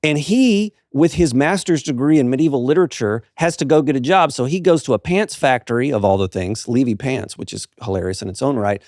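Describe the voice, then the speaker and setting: A man in a conversational podcast, explaining ideas in a thoughtful, measured way with a mid-range voice. The recording is close and dry. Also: medium pitch, a little mellow, no room sound. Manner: thoughtful, explaining, laughs often. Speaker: podcast host. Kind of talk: casual conversation.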